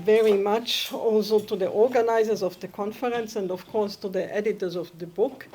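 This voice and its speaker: A woman from Austria, giving a conference presentation and often pausing to search for her words. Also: medium pitch, fairly even intonation, over music. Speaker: academic conference speaker.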